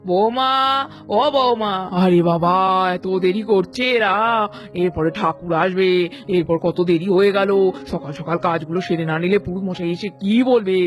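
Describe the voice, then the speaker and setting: A woman's voice: lowish voice, moderate pace, lightly acted. A woman voicing a fussy, bossy elderly grandmother in a cartoon, calling out orders to her daughters-in-law. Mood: bossy, fussing. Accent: Bengali. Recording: slightly dull lo-fi cartoon audio with music.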